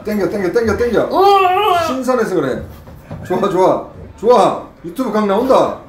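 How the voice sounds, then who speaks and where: A man's voice: sits high, very animated, moderate pace, slight background noise. A man speaking through a face mask, pushing a co-host to eat during a prank in a restaurant, teasing and laughing. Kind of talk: casual prank banter. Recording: echoey room.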